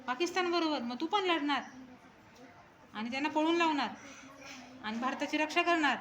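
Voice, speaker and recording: A woman's voice: high voice, normal speed, a bit bright. A woman schoolteacher questioning young pupils in class, coaxing them and repeating her questions, telling them to speak up. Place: school classroom full of children. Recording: noisy classroom ambience.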